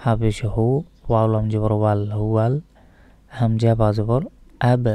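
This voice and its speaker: A man's voice: on the low side, completely flat delivery, brisk, warm tone, clear, resonant tone, no room sound. A man with a Bangladeshi Bengali accent teaching Quran recitation, spelling out each letter and vowel mark one by one before chanting the verse. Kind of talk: slow, methodical pronunciation lesson.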